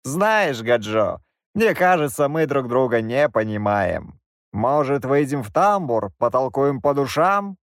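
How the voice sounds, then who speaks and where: A man voicing a grim, mocking middle-aged Roma man who talks calmly and with menace. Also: medium pitch, a little slow, dry recording, clean studio sound. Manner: mocking, calm, drawn out.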